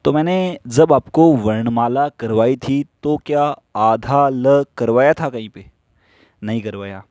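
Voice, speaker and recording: In a slow, classroom-like manner, a man teaches stenography, posing questions and answering them himself while going over the rules again. His voice is medium in pitch and slightly mellow, and the recording is dry.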